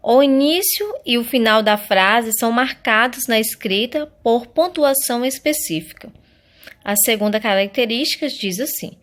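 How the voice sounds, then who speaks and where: Slow, careful Brazilian woman teacher. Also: a little high, a bit bright. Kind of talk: recorded grammar lesson.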